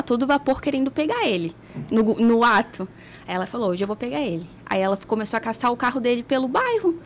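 A blunt, candid woman from Brazil recounts her own story as a podcast guest. Her voice sits high and rises and falls in lively swings. She laughs between lines and holds nothing back. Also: a little hiss or hum.

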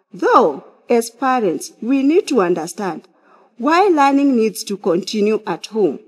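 A middle-aged woman speaks from a church pulpit, explaining parenting advice in a steady, instructive tone. She sounds like a counselor addressing viewers, clear and methodical. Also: on the high side. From Kenya. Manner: measured, instructive, opens with prayer. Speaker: counseling psychologist. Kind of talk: church talk to online viewers. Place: church sanctuary behind a glass pulpit.

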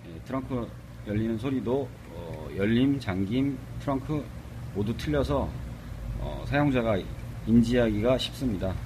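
A man's voice: mid-range voice, expressive, a little slow, noisy background. A man giving a casual product demonstration of a car alarm remote, talking in a plain explanatory way with many hesitant fillers, recorded on a camera microphone in a car workshop. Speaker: car accessory shop presenter.

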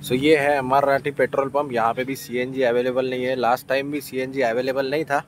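Recording on a small camera held or mounted close, a young travel vlogger narrates a road trip from inside his car and at roadside stops, casually explaining routes and tips to viewers. His medium-pitched voice is fairly flat and quick, with loud music and road and wind noise behind it.

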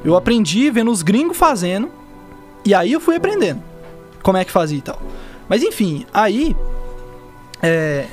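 A man's voice: high-pitched, big pitch swings, moderate pace, pauses often, soft background music. A young man with a Brazilian accent chatting casually on a podcast, explaining things with examples in slangy speech. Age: young adult. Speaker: podcast guest, digital marketer. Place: indoor podcast studio. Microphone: dynamic mic on boom arm, close.

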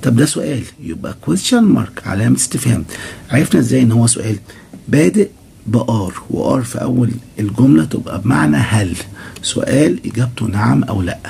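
A man with an Egyptian Arabic accent teaching children English vocabulary, saying each word slowly several times and then explaining it. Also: mid-range voice, lively intonation, vocal fry, dark tone, a little hiss or hum.

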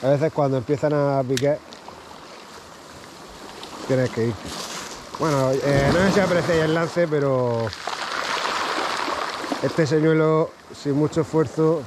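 A man from Spain, chatting casually to camera while fishing on a rocky shore and giving excited running commentary. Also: a little high, slow, pauses often. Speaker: fishing vlogger. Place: rocky seashore outdoors at dawn. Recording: outdoor wind and sea noise. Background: waves and water noise.

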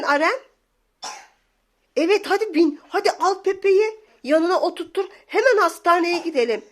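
A young woman, a mother, talking playfully to viewers and her toddler in an animated, coaxing, exclamatory way. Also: very high-pitched. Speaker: mother playing with her child on camera.

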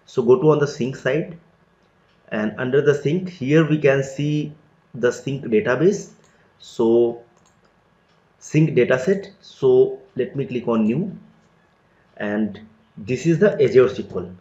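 A man giving a step-by-step screen-recorded software tutorial, explaining each click in a plain, methodical way. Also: medium pitch, slow, pauses often. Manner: step-by-step, plain explanatory delivery with frequent "so" and "let me". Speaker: tutorial instructor. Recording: roomy, dull lo-fi recording.

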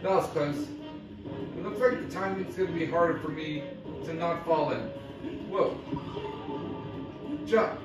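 Measured and with long pauses, a man with a high voice gives casual play-by-play of a game, calling moves in short bursts. Game music plays, and he sounds far from the mic in a very echoey room.

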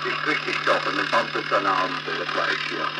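Man, CB radio, loud static hiss, lowish voice, mocking and scornful. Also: quick pace. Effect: heard over CB radio. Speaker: CB radio operator. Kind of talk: hostile radio banter.

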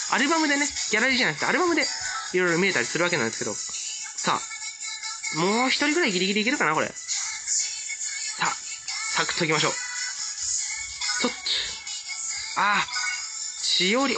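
A man commentating on a dating game in an excitable, gushing, hyper way. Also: high-pitched. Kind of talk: let's-play commentary.

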